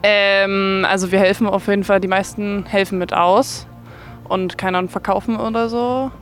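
A young woman volunteering at a festival, answering questions outdoors in a quick, informal way with youthful slang. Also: medium pitch, fairly even intonation, faint music behind. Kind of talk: casual interview answers.

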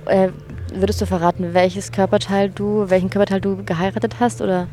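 A woman's voice: medium pitch, little pitch movement, a little fast, mellow, soft background music. A woman interviewing people outdoors at a festival, asking friendly, curious questions. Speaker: festival reporter. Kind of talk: casual street interview.

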